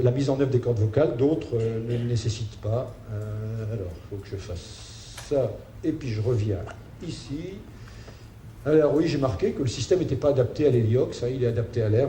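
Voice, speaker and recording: Halting male lecturer in a roomy hall. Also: medium pitch, dark tone. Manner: halting, many fillers and restarts. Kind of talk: hesitant spoken lecture. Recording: roomy hall sound with faint ambient noise.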